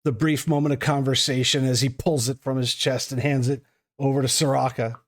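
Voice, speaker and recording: Male game master, medium-pitched, narrating tabletop role-play and prompting players. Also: fairly even intonation, a little fast.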